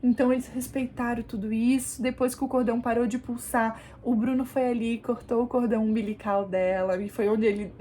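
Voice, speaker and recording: High-voiced animated woman vlogger. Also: a little fast, hardly any pauses, a little hiss or hum. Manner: animated, addresses viewers as "gente", demonstrates positions. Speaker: vlogger, new mother. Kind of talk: casual storytelling to camera.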